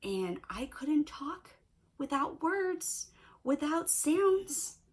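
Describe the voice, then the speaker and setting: A woman's voice: high voice, sing-song, very slow. A woman teaching young children from home, cheerful and encouraging, counting and reading aloud in a sing-song way. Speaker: preschool teacher. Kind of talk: children's video lesson and read-aloud. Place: at home, indoors.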